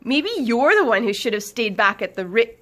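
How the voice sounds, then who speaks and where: A woman reading aloud voices a bold, fearless girl who talks loudly and bubbly and never keeps her voice down. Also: medium pitch, a little fast. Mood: teasing. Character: bold, loud tomboyish girl who loves danger.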